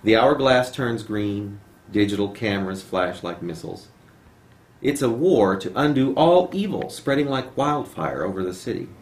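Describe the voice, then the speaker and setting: Speaking on the low side with lively intonation and a moderate pace, a male poet reads his work aloud at a home reading. It's an amateur video recorded through the camera's microphone, so the room echoes and faint noise is present.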